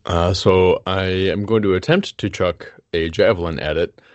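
A man's voice: low-pitched, steady tone, normal speed, no echo, lo-fi sound. A man taking part in a tabletop game as a player, casual and joking.

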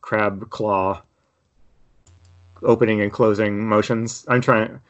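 A man's voice: on the low side, steady tone, takes it slowly, lo-fi sound. A man narrating as game master for a tabletop game, with a loose, rambling delivery full of fillers.

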